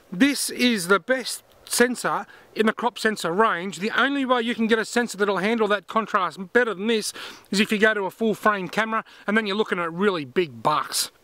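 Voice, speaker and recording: A man's voice: sits high, bright, forceful tone, no room sound. Aussie bloke in his 40s explaining camera stuff outdoors in the bush, dry close sound, leans on words. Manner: chatty, explains step by step, stresses words. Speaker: fishing vlogger reviewing a camera. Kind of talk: casual product review to camera. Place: outdoors in grassy bushland. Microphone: camera-mounted shotgun mic.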